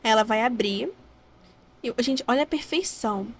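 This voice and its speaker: High-voiced gushing Brazilian woman. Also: moderate pace, crowd noise. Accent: Brazilian Portuguese. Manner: gushing, excitable, says "gente" constantly. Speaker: gaming YouTuber. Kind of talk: casual gameplay commentary.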